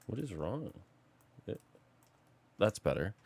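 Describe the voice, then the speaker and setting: A man's voice: lowish voice, sing-song, slow, creaky, darkish tone, breathy edge, dry recording. A man streaming a game while sick, chatting loosely with his viewers and answering chat as he plays. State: sick, slightly rough voice. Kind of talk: casual live-stream chat.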